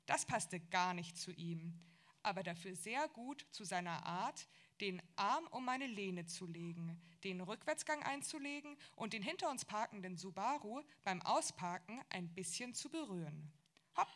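A woman reads a literary novel aloud with a steady, unhurried narration. Her voice sits at a middle pitch. The quoted dialogue comes a little livelier than the surrounding text. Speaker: reader of a novel. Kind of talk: audiobook reading of literary fiction.

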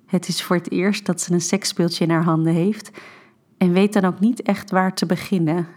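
A woman narrating an erotic short story in a calm, intimate storytelling manner. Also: fairly low pitch, normal speed.

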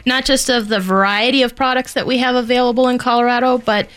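A woman's voice: fairly high pitch, steady tone, fast, a bit bright, smooth. A woman talking as a guest in a radio interview, earnest and explanatory. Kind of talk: conversational interview talk.

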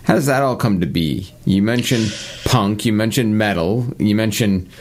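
A low-voiced man hosts a casual interview. He stumbles through repeated restarts before getting his questions out and swears casually in conversation. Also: normal speed. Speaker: podcast host.

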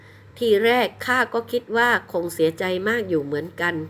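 A woman's voice: fairly low pitch, slight background noise, close to an everyday voice. A woman doing a gracious rich young lord. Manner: calm, slow and gracious. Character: kind rich young lord, calm and generous.

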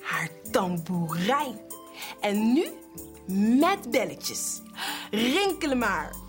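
A woman narrating a Bible story for children, switching between hushed whispers and lively character voices. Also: medium pitch, very slow, faint music behind.

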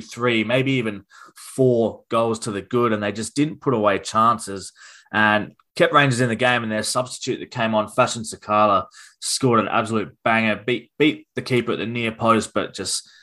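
A man co-hosting a casual football podcast, thinking aloud with plenty of ums and restarts. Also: fairly low pitch. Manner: relaxed, thinks aloud with fillers. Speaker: podcast co-host.

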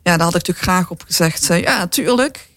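A man from the southern Netherlands speaking in a panel discussion, lively and full of fillers and rhetorical tags. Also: high-pitched, very fast, clear, resonant tone, dry recording. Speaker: company representative.

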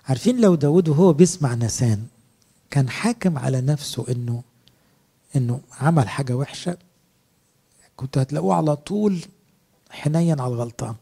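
A man's voice: on the high side, vocal fry, dark tone, slightly rough. A middle-aged man with an Egyptian Arabic accent, preaching a sermon as a priest, earnest and asking his listeners rhetorical questions.

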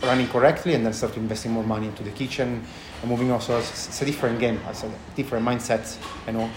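A man with a thick Italian accent giving casual interview answers in halting, non-native English phrasing. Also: mid-range voice, steady tone, music in the background. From Italy. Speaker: chef and restaurant owner being interviewed. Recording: echoey room with background noise.

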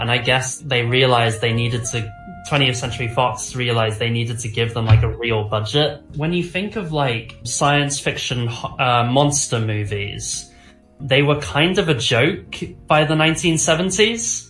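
A man talking casually about films with rambling, animated enthusiasm, as a host does. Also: mid-range voice, roomy sound. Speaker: film discussion host. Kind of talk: casual enthusiastic film chat.

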